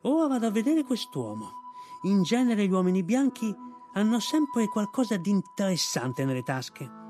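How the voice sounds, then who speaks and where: A man's voice: high voice, sing-song, normal speed, darkish tone, faint music behind, pitched above the performer's own voice. A man doing a curious army horse. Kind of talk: audiobook reading.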